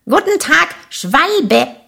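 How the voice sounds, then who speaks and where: A woman's voice: a little high, sing-song, very slow, fairly bright tone, husky, exaggerated voice. A woman doing a thin, spiteful mosquito. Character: spiteful mosquito that dislikes humans.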